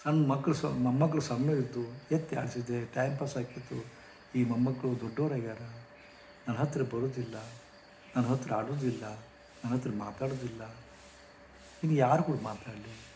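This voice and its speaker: Man doing a weary old rich man, soft complaining voice, mid pitch, echoey room. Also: steady tone, moderate pace, pauses often, slight background noise, close to an everyday voice. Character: weary lonely older rich retired man.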